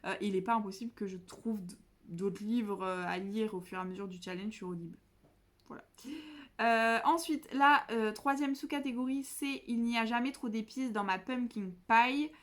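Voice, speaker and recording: A woman's voice: a little high, moderate pace, fairly bright tone. Chatty young woman vlogging about books. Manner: chatty, self-mocking, many fillers and restarts. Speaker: book vlogger. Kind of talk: casual chat.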